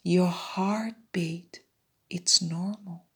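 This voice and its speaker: A woman guiding a hypnosis meditation in a soft unvoiced whisper, repeating soothing suggestions. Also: lowish voice, fairly even intonation, very slow, husky. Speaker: meditation guide.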